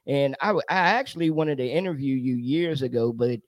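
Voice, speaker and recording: A man hosting an online radio talk show, animated and laughing often, repeating his words as he talks. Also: medium pitch, a little fast. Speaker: host.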